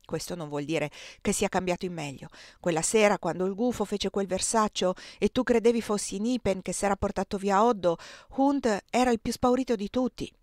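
A calm, skeptical companion from a storybook, read by a woman, reasons in a measured, even voice. The recording is close and dry, with no room sound. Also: medium pitch, no echo, close to an everyday voice.

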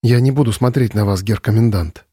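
A man voicing a quiet, defiant young prisoner woman. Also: on the low side, a little fast, breathy edge, no echo, clean studio sound. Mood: timid. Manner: calm, soft, steady. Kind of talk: audiobook character reading.

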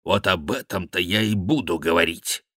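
A man's voice: low voice, normal speed, fairly bright tone, no echo, studio quality. A man voicing a fat, brazen monk who bellows and mocks, preaching with scorn in an audiobook reading. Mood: scornful.

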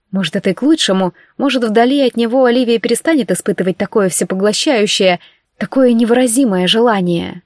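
A woman's voice: mid-range voice, a little mellow, dry recording, clean studio sound. Intimate woman audiobook narrator.

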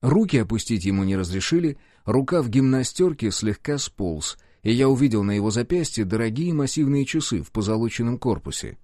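Expressive male audiobook narrator. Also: mid-range voice, brisk, hardly any pauses, no echo, clean studio sound. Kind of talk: scripted first-person narration.

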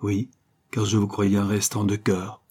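A man's voice: lowish voice, completely flat delivery, measured pace, a little mellow, husky. A man reading aloud voices a proud, desperate countess defending her husband and children, pleading with dignity. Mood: dignified.

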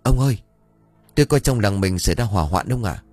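A man's voice: lively intonation, brisk, darkish tone, no room sound, faint music behind. A man voicing a frantic young male servant in a spoken story. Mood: urgent. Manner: frantic, high-pitched pleading.

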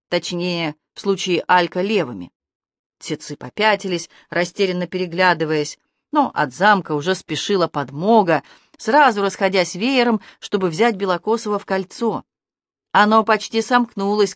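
Expressive audiobook narrator, dry close sound. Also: no room sound. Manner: lively expressive reading that shifts pitch and loudness for action. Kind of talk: audiobook narration of a fantasy novel.

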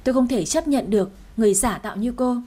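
A stern older lady of the house, voiced by a female storyteller, scolding and ordering people about. The voice is mellow and slightly husky, pitched a bit high. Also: quick pace, natural voice. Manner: scolding, commanding.

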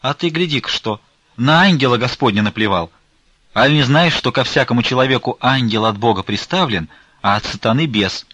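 A man putting on a pious, quick-tempered old woman. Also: mid-range voice, very animated, a bit bright, no echo, pitched above the performer's own voice. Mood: furious scolding. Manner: scolding, sing-song questioning.

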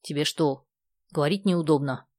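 Woman reading as an excited teenage boy. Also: deep voice, moderate pace.

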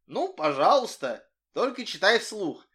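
A man voicing an excitable, bustling schoolboy who shouts and boasts breathlessly in an audiobook. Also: high voice, a little slow, voice pushed up, exaggerated voice. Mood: excited.

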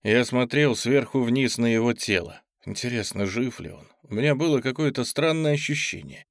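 A man narrating an audiobook in an even, measured reading voice. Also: medium pitch, no echo, studio quality.

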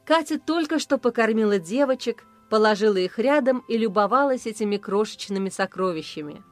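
Expressive woman narrating a romance story. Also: on the high side, a little fast, no echo, soft background music. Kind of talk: audiobook narration.

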